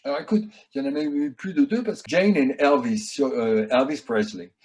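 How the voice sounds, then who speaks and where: Husky, mellow-voiced man telling stories. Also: medium pitch, brisk. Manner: chatty, animated storytelling. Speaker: guest filmmaker. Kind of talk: casual interview answers.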